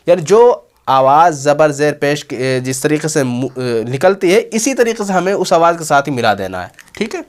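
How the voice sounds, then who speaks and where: A man teaches reading at a board in a patient, repetitive way. He often checks in with a quick "okay" and slows right down to stretch out each syllable as he spells. His voice sits a little high for a man. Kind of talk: board lesson.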